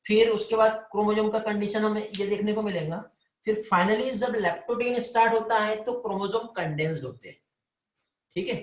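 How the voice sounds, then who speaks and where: A man's voice: high voice, moderate pace, roomy sound. A man teaching biology in a live online lecture, calling students "beta" and often checking whether they understand.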